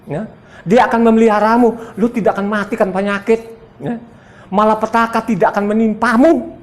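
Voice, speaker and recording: Speaking a little fast in a high-pitched, steady voice, a Sumbanese man in his seventies addresses a congregation. He preaches combatively and boastfully, laughs often, and quizzes those listening.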